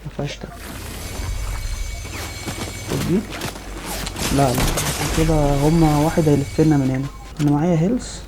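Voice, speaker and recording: A man with an Egyptian Arabic accent giving excited live commentary over his own gameplay, piling up quick repeated exclamations. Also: on the high side, music in the background. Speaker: gaming video host.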